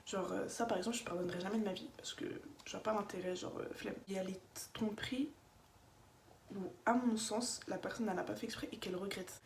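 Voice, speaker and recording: A woman's voice: mid-range voice, fairly even intonation, fast. A young woman with a slight lisp and slushy s sounds, chatting casually and slangily as she gives opinions in a makeup vlog. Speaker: beauty vlogger. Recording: echoey room with faint background noise.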